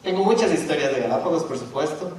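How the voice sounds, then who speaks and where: A man's voice: a little high, lively intonation, fast, a little mellow. Man, middle-aged, from Ecuador, hesitant lecture, echoey auditorium, faint room noise. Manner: hesitant, with frequent restarts and fillers. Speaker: speaker presenting a talk. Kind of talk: public lecture. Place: university auditorium. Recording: echoey hall, distant from the mic.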